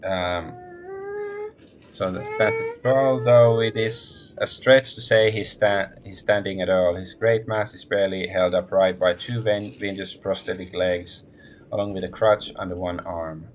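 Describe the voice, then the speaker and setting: Low deep-voiced guy streaming a game, reads the text out loud, relaxed, lots of uh and um. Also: unhurried, noisy background. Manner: relaxed, thinks aloud with fillers. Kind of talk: reading game text aloud while playing.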